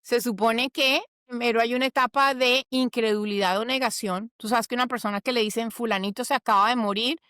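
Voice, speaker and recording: A woman's voice: on the high side, steady tone, fairly quick, hardly any pauses, pushed and bright, clean tone, no room sound, clean studio sound. A woman psychologist, explaining in a conversational interview and acting out the voices of people she quotes. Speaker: psychologist guest.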